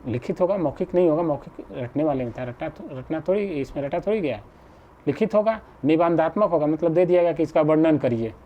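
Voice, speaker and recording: A man teaching an exam-prep class, explaining slowly, repeating points and checking with the listener. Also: fairly high pitch, lively intonation, warm tone, lo-fi sound.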